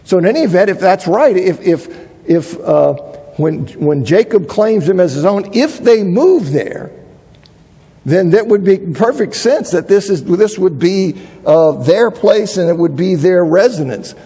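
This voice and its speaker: A Bible teacher giving a lecture, reasoning aloud and often restarting his sentences. His voice sits a bit high, husky and mellow. It rings with the long reverb of a large hall. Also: expressive, a little slow. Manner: thinking aloud, restarts, reads quotes aloud. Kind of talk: lecture on biblical archaeology.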